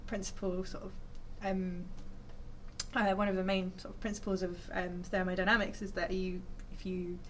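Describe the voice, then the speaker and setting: Speaking at a normal speed with a medium pitch and level tone, this woman is a scientist giving listeners a casual physics explanation. She's enthusiastic and talkative, using lots of fillers and correcting herself, with slight background noise behind her.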